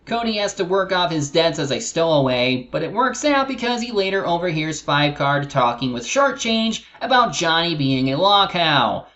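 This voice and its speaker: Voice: medium pitch, big pitch swings, moderate pace, hardly any pauses, fairly bright tone, lo-fi sound. A co-host narrating a scripted cartoon review, recapping the episode as commentary.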